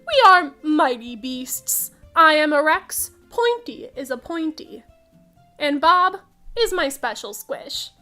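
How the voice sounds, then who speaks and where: A woman's voice: sits high, big pitch swings, slow, sharp tone, soft background music, full character voice. A woman voicing a small young T-Rex in a storybook, earnest, timid and trying to be brave, with dramatic childlike phrasing. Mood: proudly brave.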